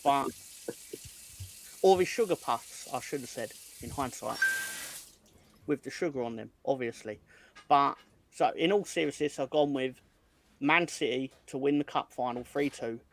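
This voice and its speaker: A man's voice: mid-range voice, unhurried, pauses often, slight background noise. A man co-hosting a casual football chat, full of wry, joking asides. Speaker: podcast co-host.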